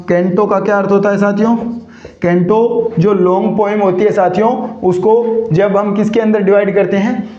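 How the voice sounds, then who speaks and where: A man's voice: high-pitched, dark tone. Man teaching, quizzing his class. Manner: repeats rhetorical questions to students. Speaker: English grammar teacher. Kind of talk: classroom lecture. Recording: echoey dull lo-fi room sound.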